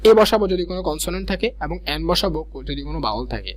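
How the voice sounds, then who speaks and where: A young man teaching a grammar lesson, explaining step by step and reading English examples slowly. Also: fairly high pitch, very animated. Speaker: grammar tutor.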